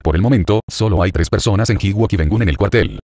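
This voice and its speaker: Male narrator for a serialized novel audiobook: deep voice, quick steady read. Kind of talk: audiobook reading of a translated web novel.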